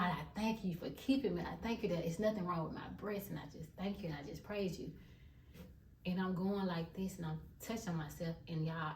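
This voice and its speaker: A woman's voice: fairly low pitch, recorded from a distance, slight background noise. Woman testifying in an echoey room. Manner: emphatic, addresses viewers as y'all. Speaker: vlogger. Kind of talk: casual testimony vlog.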